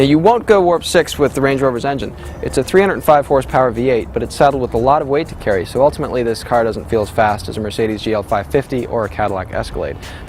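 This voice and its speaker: A man's voice: mid-range voice, a little mellow, a little hiss or hum. A man presenting a car review video with wry, joking asides.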